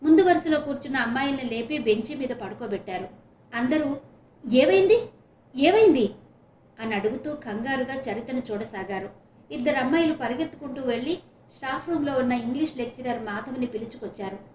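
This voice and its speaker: A woman's voice: high voice, fast talker, roomy sound, a little hiss or hum. A woman from Visakhapatnam reading a serial novel aloud, telling it expressively as an audiobook narrator. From Visakhapatnam, India. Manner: expressive storytelling, voices the characters.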